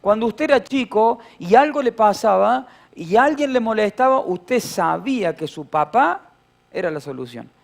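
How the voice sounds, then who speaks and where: A man's voice: sits high, expressive, moderate pace, vocal fry. A middle-aged man with a Rioplatense Spanish accent, preaching a sermon as pastor and telling a childhood story with playful humor and acted-out voices.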